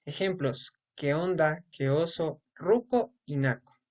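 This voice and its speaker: A student presenter reading a school presentation, listing examples one by one in a slow, deliberate way. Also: mid-range voice, expressive, darkish tone. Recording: dull lo-fi recording.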